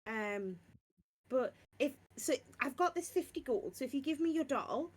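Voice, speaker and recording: A woman's voice: sits high, animated, moderate pace, husky. A woman playing a tabletop game, pushy and blunt, swearing freely. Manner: bossy, laughing, swears bluntly. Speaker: player. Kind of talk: tabletop role-play.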